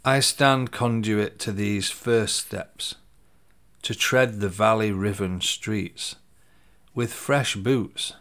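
A man in his 50s reads his own poems slowly and deliberately, pausing between short phrases and letting his lowish voice drop at the end of each line. Soft music plays underneath.

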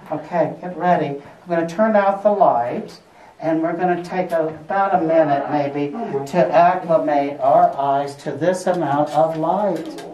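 A woman's voice: sits low, measured pace, warm tone. A woman working as a cave tour guide, talking informally and jokingly to a group, picked up on a visitor's camera inside a cave. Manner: folksy, joking. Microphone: visitor's camera at some distance. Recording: noisy on-location camera audio.

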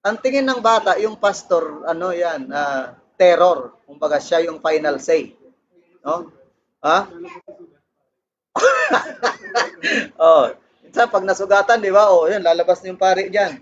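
High-voiced Filipino-English preaching man. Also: takes it slowly, pauses often, lo-fi sound. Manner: animated Taglish preaching, frequent "Amen?" and "di ba?". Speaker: pastor. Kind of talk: sermon. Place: church service.

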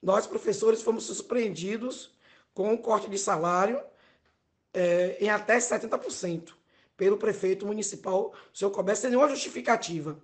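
A woman's voice: mid-range voice, moderate pace. A middle-aged woman with a Bahian Brazilian accent, a teachers' union director giving an emphatic, indignant statement to the press, repeating her key points. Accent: Bahian Brazilian Portuguese.

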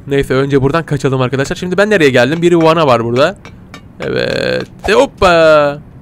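A man with a somewhat high voice gives playful commentary on a game he is playing. He addresses his viewers fondly, and he squeals and yelps whenever something catches him off guard. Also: a little hiss or hum. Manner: excitable, yelps and squeals at surprises, talks to viewers as "kitties". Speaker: gaming channel host. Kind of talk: playful let's-play commentary.

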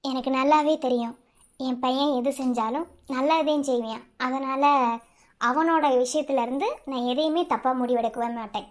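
A woman's voice: high voice, moderate pace, lightly acted. A woman voicing a firm, reassuring middle-aged mother in a cartoon, with a Madurai Tamil accent. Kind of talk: cartoon voice acting.

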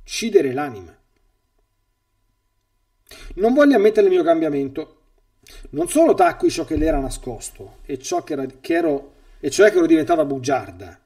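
A priest gives a catechesis sermon, his voice mellow and warm. He moves between reading a text aloud and speaking freely, pressing his points with emphasis and sometimes stumbling over repeated words. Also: fairly high pitch, distant mic. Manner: emphatic, with stammered repetitions when speaking freely.

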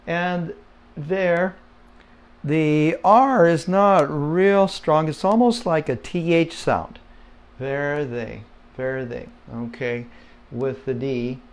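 A man giving a casual home-made Spanish lesson, slow and patient, with many fillers, repeating words for listeners to say along. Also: fairly high pitch. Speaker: Spanish teacher.

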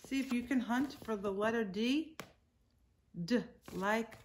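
There's slight background noise as a woman in her forties, her voice on the high side and her pace measured, reads a picture book to young children. She sounds like a storytime teacher, keeping phrases simple, emphasizing important words and adding asides, in her living room at home.

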